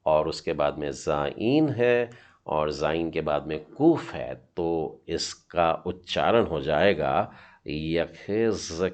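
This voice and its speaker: Slow, low-voiced man teaching patiently. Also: expressive. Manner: patient, encouraging, sounds out letters. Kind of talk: children's Hebrew lesson.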